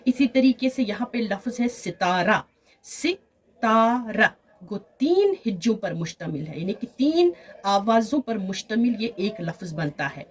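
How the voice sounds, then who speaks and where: A woman's voice: mid-range voice, slight background noise. A woman teaching an online Urdu grammar lesson over slides, stretching out example words and often checking in with "theek hai na?". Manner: slow, drawn-out word examples, frequent "theek hai na?".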